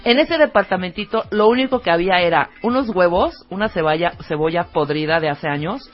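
A woman with a Mexican Spanish accent, co-hosting and telling a story in casual chat, animated and laughing, acting out voices. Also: on the low side, fairly quick, lo-fi sound, faint music behind. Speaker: co-host.

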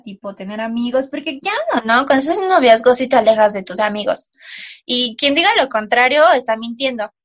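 A woman's voice: high-pitched, highs cut off. A young woman with a Mexican accent, co-hosting a casual podcast chat and animatedly quoting people. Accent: Mexican Spanish. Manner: animated, quotes people in mock voices. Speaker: podcast co-host.

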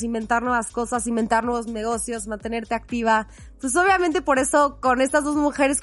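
A young woman co-hosts a podcast, speaking in a slightly high voice. She is chatty and effusive, and she laughs often. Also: no room sound. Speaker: podcast co-host. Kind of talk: casual chat.

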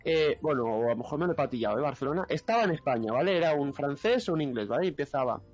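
High-voiced guy, animated. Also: very fast, faint music behind. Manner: animated retelling, acts out shouted quotes. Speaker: podcast co-host. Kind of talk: casual chat.

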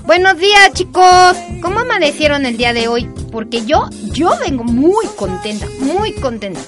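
A woman's voice: sits high, expressive, moderate pace, over music. A woman playing a chirpy, determinedly positive radio presenter in a comic audio drama, over-cheerful and careful with her diction.

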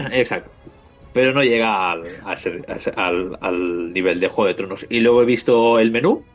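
A man's voice: on the low side, moderate pace. A man with a Castilian accent giving casual reviews as a podcast panelist. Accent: Castilian Spanish. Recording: dull lo-fi sound, music behind.

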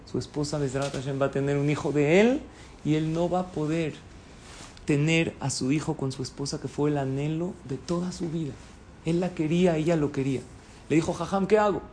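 A man tells a religious moral story in a fairly high voice. He delivers it dramatically and acts out the voices of his characters. A faint hiss sits behind him. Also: steady tone, brisk, darkish tone.

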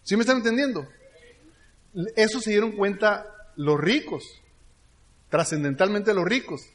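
A man's voice: high voice, measured pace, a bit bright. A middle-aged man with a Mexican Spanish accent giving a motivational business seminar, telling stories and often checking that the audience follows him. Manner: storytelling that keeps checking in with the audience. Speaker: business leadership speaker.

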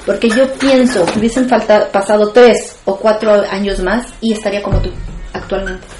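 A woman's voice: medium pitch, steady tone, normal speed, darkish tone, faint music behind. A woman talking frankly and reflectively in a casual conversation, with wry humor. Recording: echoey room.

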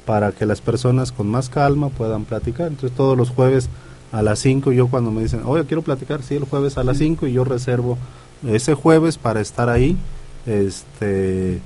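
Easygoing parish priest. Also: male voice, medium pitch, moderate pace, dark tone, a little hiss or hum. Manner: easygoing, tells anecdotes. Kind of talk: casual conversation.

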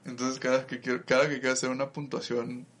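A man's voice: medium pitch, level tone, fast, a bit bright. A young man with a Mexican Spanish accent, co-hosting a podcast in slangy casual chat, teasing and joking, speaking into a tripod mic. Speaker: podcast co-host.

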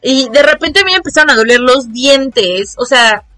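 A young woman with a Mexican Spanish accent, casually telling a lively story, acting out voices and laughing often. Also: high voice, moderate pace, no echo, soft background music. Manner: animated, acts out quoted voices, laughs often.

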